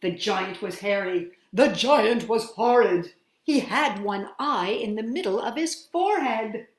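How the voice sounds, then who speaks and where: A woman hosting children's storytime reads a picture book aloud, expressive and sing-song, with dramatic pauses. Her voice is medium in pitch, and the room gives off a roomy echo.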